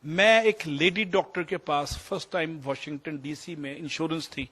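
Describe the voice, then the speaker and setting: Pakistani man, fifties, slightly high voice, digressive storyteller mixing in English. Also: a bit bright. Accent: Pakistani Urdu. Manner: anecdotal, digressive, mixes English phrases. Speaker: doctor sharing experiences. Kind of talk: storytelling talk.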